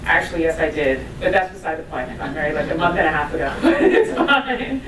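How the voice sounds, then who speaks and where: Picked up from a distance in an echoey lecture room, a woman in her thirties from New York, USA, talks casually to a live audience, poking fun at herself with asides and laughs. Her voice is deep and a bit bright, with big pitch swings and a slightly fast pace, plus a little hiss or hum.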